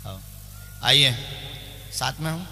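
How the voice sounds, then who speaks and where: A man's voice: mid-range voice, expressive, slow, vocal fry, bright, forceful tone, long reverb tail, slight background noise. A man leading a religious court session, bluntly directing the devotees before him. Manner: commanding, directs the crowd bluntly. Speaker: spiritual leader addressing devotees.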